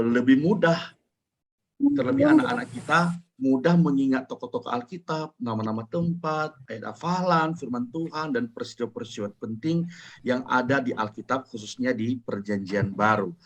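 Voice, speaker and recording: A man's voice: medium pitch, muffled recording. A man moderating an online church training session, welcoming the speaker in a polite, formal way. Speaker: host and moderator. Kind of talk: event moderating.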